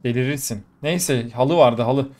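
A young man commentating his own gameplay live, excitable and quick to exclaim and swear in the middle of fights. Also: medium pitch. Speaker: gaming YouTuber. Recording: faint game noise behind. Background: gunfire from the game.

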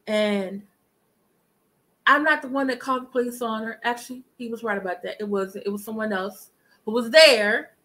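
A woman's voice: a little high, bright, forceful tone, poor audio. A middle-aged woman hosting a casual live commentary stream from her living room, talking emphatically and greeting chat viewers. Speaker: livestream commentary host. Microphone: webcam at desk distance.

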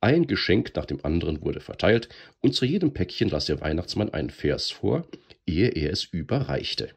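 A deep-voiced man reading a storybook aloud, lively and expressive, with a husky grain. His pitch moves widely as he reads. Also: normal speed.

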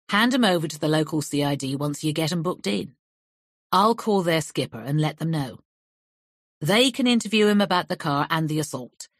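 Woman doing a blunt male cop inspector, curt, dismissive, husky, audiobook. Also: low-pitched, no room sound, clean studio sound.

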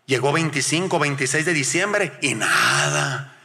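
A middle-aged man preaches a testimony sermon in a high, sharply bright voice, heard with a long hall reverb. He keeps calling his listeners "brother" and swings from hushed storytelling to shouted exhortation. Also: expressive, unhurried, creaky. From Mexico. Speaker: guest evangelist.

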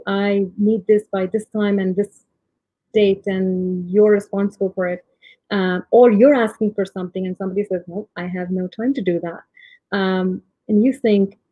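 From a room at home, a soft-spoken woman in her thirties from India gives her conference talk on leadership over video call, reflecting aloud with many ums and restarts. Her voice is mid-range, and the laptop or webcam mic yields tinny, husky, dry sound with no room sound.

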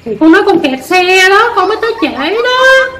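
A woman's voice: extremely high pitch, big pitch swings, moderate pace. A woman playing a naive, meek female client of a fortune teller. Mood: awed. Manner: meek, deferential replies. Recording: echoey room.

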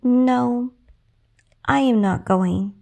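A woman voicing a gentle, earnest young servant girl in a bedtime story. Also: high voice, lively intonation, measured pace, voice pushed up.

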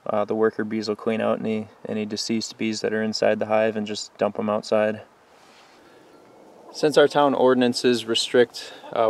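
Flat-voiced man talking outdoors. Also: fairly low pitch, a little hiss or hum. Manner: relaxed, explanatory, many fillers. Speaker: homestead vlogger. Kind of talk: casual vlog narration. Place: snowy backyard outdoors. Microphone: camera on a tripod.

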